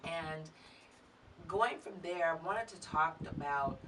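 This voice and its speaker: A woman's voice: deep voice, slow pace, recorded from a distance, heavy background noise. A woman hosting a talk show interview. She talks in a chatty, enthusiastic way.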